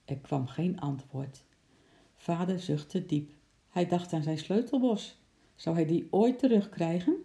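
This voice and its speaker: A storyteller reading a children's story aloud in an expressive way. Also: mid-range voice, measured pace, creaky.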